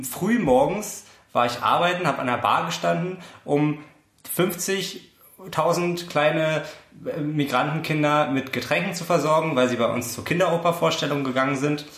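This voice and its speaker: Man, 20s, podcast co-host, deadpan irony, rambling, roomy echo. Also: a little high, normal speed. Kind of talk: casual chat. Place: friend's flat. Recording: roomy room sound.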